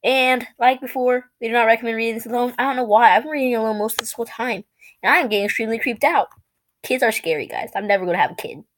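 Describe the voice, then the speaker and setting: A woman's voice: on the high side, fast talker, a bit bright. A young woman reading creepy stories aloud and reacting to them, easily startled and given to laughing and shrieking between readings. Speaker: reaction video creator.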